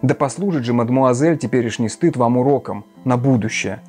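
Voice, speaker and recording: Man voicing a smug, long-winded gentleman in an audiobook, fussy, pompous, with filler hesitations. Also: mid-range voice, fairly quick, faint music behind, natural voice. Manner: wordy, pompous, hesitant mumbling. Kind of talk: audiobook character reading.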